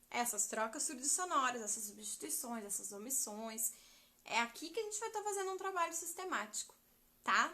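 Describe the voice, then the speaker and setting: A woman, giving a chatty, animated live-stream talk on teaching children to spell. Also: high-pitched. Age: 30s. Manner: chatty, animated, addresses viewers as "gente". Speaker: literacy teacher educator.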